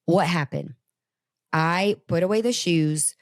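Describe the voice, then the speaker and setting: This host, a Brazilian native Portuguese speaker, talks slowly in a lowish voice. She's lively and casual as she delivers motivational words directly to listeners, and the sound is clean, dry studio audio.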